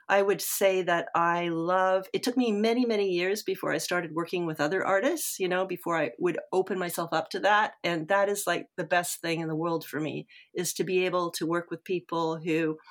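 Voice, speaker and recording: A woman guest in a casual interview, rambling and self-deprecating with many fillers and restarts. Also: fairly low pitch. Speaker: guest filmmaker.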